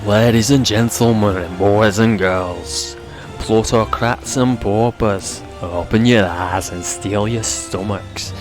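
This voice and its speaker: A bombastic old arena announcer from a video game, performed by a man. He draws out his words in a rather low voice, relishing the bloodsport like a theatrical showman. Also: steady tone, takes it slowly, music in the background. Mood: grand showmanship. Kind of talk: video game dialogue read aloud.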